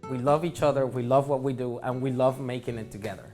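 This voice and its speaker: A man from Puerto Rico, a graphic designer, talking in a documentary interview in a relaxed, storytelling way with fillers. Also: mid-range voice, fast talker. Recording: music bed underneath.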